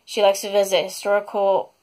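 A woman's voice: medium pitch, little pitch movement, fairly quick, darkish tone. A woman reading a chapter of her own novel aloud, unedited, stopping now and then to apologize for slips and add asides.

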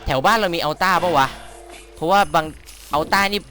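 A young man giving chatty, excitable let's-play commentary, swearing and exclaiming at the game as he plays. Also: high voice, fairly quick. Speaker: gameplay commentator. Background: game music.

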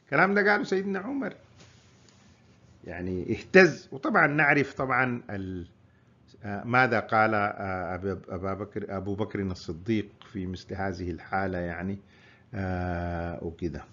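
A man's voice: low voice, normal speed, fairly bright tone, dull audio. A man with a Sudanese Arabic accent giving an informal history lecture, explaining and repeating his points in a conversational way.

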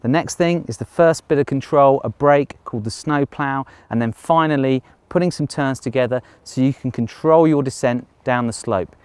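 A man's voice: mid-range voice, moderate pace, hardly any pauses, darkish tone, clear, resonant tone, dry recording. A middle-aged man presenting a lesson to camera as a ski instructor, explaining step by step in plain words. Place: outdoors on a snowy mountain slope.

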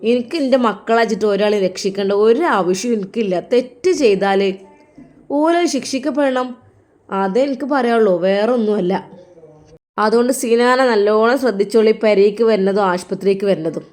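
A woman voicing a serious mother-in-law who delivers a measured warning on a phone call, with a Malappuram Malayalam accent, in an audio drama. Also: medium pitch, darkish tone, close to an everyday voice. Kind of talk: audio drama role-play.

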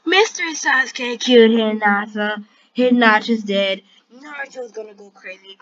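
A woman's voice: fairly high pitch, a little slow, crowd noise. A woman hosting a reaction video with casual commentary. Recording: dull lo-fi audio with background noise.

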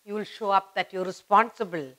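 Fairly quick and forceful, a middle-aged woman with an Indian accent uses a bright, mid-range voice to teach young children at a whiteboard indoors in a studio. She drives home simple phrases and questions through emphatic repetition.

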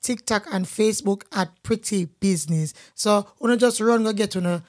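A woman's voice: medium pitch, normal speed, a little mellow. A woman co-hosting a casual podcast, upbeat as she reads sponsor plugs and asks questions. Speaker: podcast co-host.

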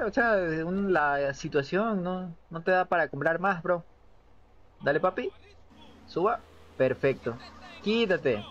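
Streaming a game from a room at home, this early-twenties man with a Latin American accent and fairly high pitch jokes around in slangy, casual commentary while reading subtitles aloud. Game noise runs underneath the dull, lo-fi stream audio.

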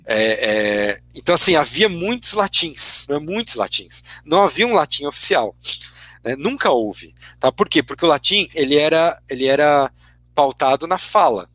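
A man's voice: a little high, very animated, normal speed, a bit bright, no echo. A man with a Brazilian Portuguese accent, a guest lecturer giving a teacherly explanation, tagging his sentences with constant "né" questions. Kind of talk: explanatory academic talk.

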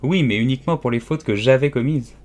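A man's voice: brisk, darkish tone, close to an everyday voice. A man voicing a fussy, scatterbrained old queen who wails and lectures in an audiobook. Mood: scolding. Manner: shrill wailing cries, fretful and peremptory. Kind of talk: audiobook character voice.

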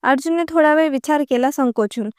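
A woman narrating a story in an even, unhurried reading voice. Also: high-pitched, dry recording, studio quality.

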